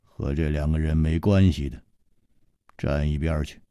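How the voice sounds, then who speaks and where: A man voicing a sinister male swordsman who talks slowly and menacingly in a whining, half-crying way. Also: very deep voice, steady tone, mellow, no room sound, clean studio sound, pitched below the performer's own voice. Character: sinister male swordsman with a weeping mask-face.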